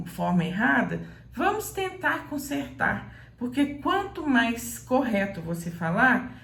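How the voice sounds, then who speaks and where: A Brazilian woman teaching pronunciation in a video lesson, speaking in a didactic, deliberate way and repeating words for emphasis. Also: medium pitch, vocal fry, fairly bright tone, echoey room. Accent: Brazilian Portuguese. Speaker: Portuguese teacher.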